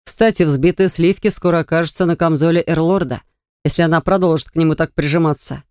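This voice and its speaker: A woman voicing a sly, teasing young nobleman in a fantasy audiobook, speaking softly and low. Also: fairly even intonation, a little fast, clean tone, dry recording, clean studio sound, lightly acted.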